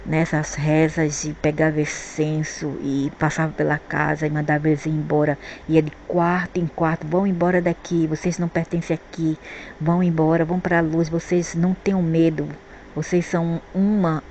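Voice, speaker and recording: A woman's voice: low-pitched, level tone, moderate pace, darkish tone, a little hiss or hum. A woman from Brazil telling a rambling personal story about spirits and the afterlife, often repeating words while she searches for them. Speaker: spiritual vlogger.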